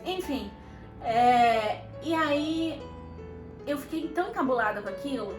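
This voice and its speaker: A Brazilian woman casually telling a couple's story, lively and laughing often as she acts out what others said. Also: high-pitched, a little slow. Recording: echoey room with background music.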